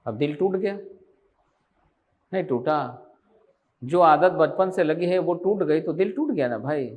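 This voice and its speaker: A man teaches an online exam-prep grammar class in a high-pitched voice. He keeps firing questions at his students and answers most of them himself. He runs the lesson as a steady back-and-forth drill. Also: moderate pace.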